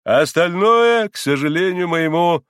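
A man reading aloud and voicing a haughty, impatient doctor who speaks slowly and pompously, hammering every syllable. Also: high-pitched, animated, a bit bright, no echo, studio quality, voice pushed up. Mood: condescending. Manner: clipped, pompous, stressing each syllable. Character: haughty impatient middle-aged male doctor.

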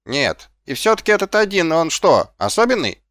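Man doing a sly cowardly little guardsman, higher pitched, wheedling, lively, dry audiobook sound. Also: no room sound. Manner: quick, wheedling, questioning.

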